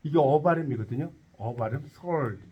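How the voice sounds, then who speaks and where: A man's voice: mid-range voice, a little fast, slightly rough, highs cut off. A man teaching a tarot lecture to a class, quizzing his students and cracking jokes as he explains. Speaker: tarot instructor.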